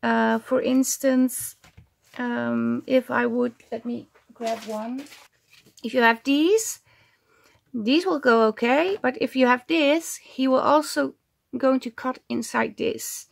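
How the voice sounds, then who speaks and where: A woman's voice: a little high, slow, gravelly. A woman hosting a casual crafting vlog, chatting at her desk and often stopping with ums as she searches for words. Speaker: junk journal crafter and channel host.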